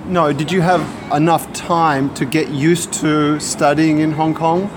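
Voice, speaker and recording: Higher-pitched male interviewer, noisy surroundings. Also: fairly even intonation, a little slow. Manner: patient, rephrases questions simply. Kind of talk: conversational interview questions.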